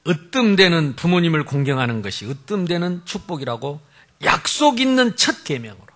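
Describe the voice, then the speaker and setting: Male pastor, sermon. High voice that jumps all over, swinging loud to soft, joking with the room. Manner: animated, humorous preaching, swinging from loud to soft.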